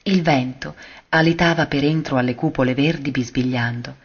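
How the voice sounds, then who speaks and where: A man reading a classic literary short story aloud in a measured, expressive way, on a dull lo-fi recording. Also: mid-range voice, slightly rough. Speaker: narrator.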